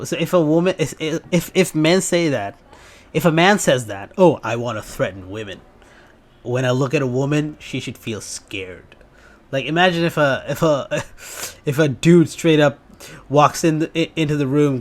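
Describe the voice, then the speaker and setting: A man from Bangladesh hosting a reaction video, talking casually with laughs and halting restarts. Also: medium pitch.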